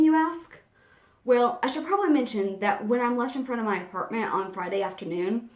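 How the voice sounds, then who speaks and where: A woman's voice: on the high side, natural voice. A woman acting an anxious young woman confiding, echoey. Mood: incredulous, confiding. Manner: confiding, conversational, theatrical. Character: anxious young woman with memory gaps, confessing urgently. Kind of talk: dramatic first-person monologue reading. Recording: echoey room.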